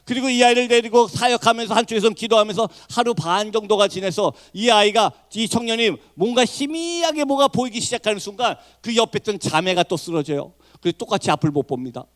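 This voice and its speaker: A middle-aged male missionary preaches a sermon with a high-pitched voice. He moves from hushed, intimate passages to fervent shouts. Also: expressive, quick pace, hardly any pauses. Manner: impassioned, swings from hushed to shouting.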